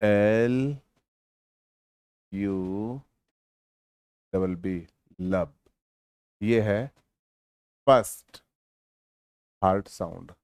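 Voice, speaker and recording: A male teacher giving a lesson in a lively, teasing manner, at times explaining loudly and at times mumbling quietly while writing. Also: fairly low pitch, drawn-out words, pauses often, smooth, dry recording. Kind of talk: online lecture.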